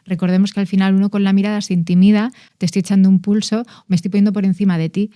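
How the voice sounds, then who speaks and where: Woman with a mellow, dry voice. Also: medium pitch, little pitch movement, very fast, no room sound. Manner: explanatory, stresses words, many restarts. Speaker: podcast guest, nonverbal communication expert. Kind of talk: conversational explanation. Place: podcast studio.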